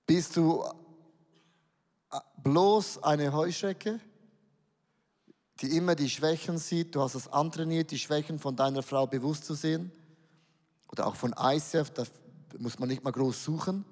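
High-voiced Swiss German preacher man. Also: unhurried, long pauses, a little mellow, big-room sound. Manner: emphatic, repeats words, rhetorical questions. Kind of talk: sermon.

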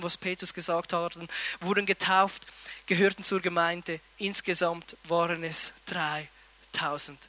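A man preaching a sermon, his voice high and bright. He retells scripture with animated emphasis and repeats words to drive points home. The sound is dry and close to the microphone. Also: no echo.

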